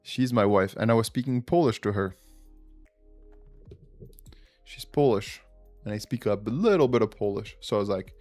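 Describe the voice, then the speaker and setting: This host from France speaks with a French accent, French being his native tongue, as he thinks aloud and chats with viewers during a casual live quiz. His lowish voice is animated and a little mellow, at a moderate pace with frequent pauses, and faint music sits behind it.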